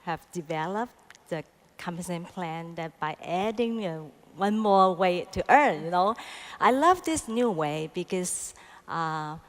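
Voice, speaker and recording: A woman team leader giving a measured panel answer, often pausing with "you know". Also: fairly low pitch, animated, long reverb tail.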